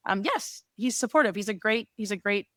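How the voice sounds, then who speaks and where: A woman's voice: mid-range voice, expressive, brisk, pushed and bright, dry recording. Earnest woman getting fired up. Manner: earnest, gets fired up, restarts often. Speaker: interview guest, high performance director. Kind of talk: casual conversational interview.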